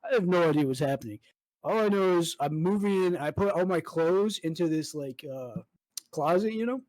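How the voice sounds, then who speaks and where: A young man in casual podcast chat, his voice sitting slightly high for a man. He rambles and swears freely, stringing his story together with "like" and "dude". The sound is close and dry, with no room around it. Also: expressive, moderate pace, darkish tone, dry recording, poor audio. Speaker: podcast co-host. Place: home.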